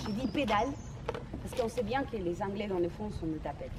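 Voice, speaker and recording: An actress in a theatrical monologue, playing a bitter, mocking Irish woman who rants against the English with crude sarcasm and sudden shouted outbursts. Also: medium pitch, animated, brisk, natural voice. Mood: scornful. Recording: noisy camcorder recording.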